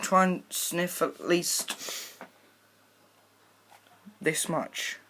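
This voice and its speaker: A young man hosts a casual prank vlog. His voice is bright and forward, and he talks in an informal, matey way, like he is chatting with friends. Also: high voice, slow pace, slight background noise. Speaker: video host.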